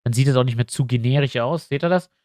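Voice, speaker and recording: Here a stuffy-nosed man, a YouTuber, works through a tabletop map in a casual screen-recorded tutorial, chatting to viewers as he reasons aloud. His mid-range voice is fast with a darkish tone. The studio-quality recording carries no room sound.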